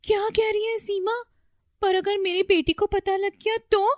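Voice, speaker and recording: A woman voicing a fretful, easily panicked older mother-in-law in a storybook tale, with a shrill, wailing, pleading way of talking. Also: flat delivery, moderate pace, dry recording, studio quality. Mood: anxious.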